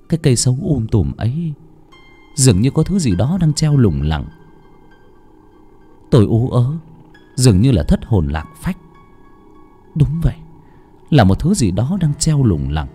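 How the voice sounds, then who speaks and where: Casting: male audiobook narrator, very lively pitch, tense first-person horror telling, faint music underneath. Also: a little slow, pauses often, husky. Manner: dramatic, tense storytelling. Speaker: storyteller.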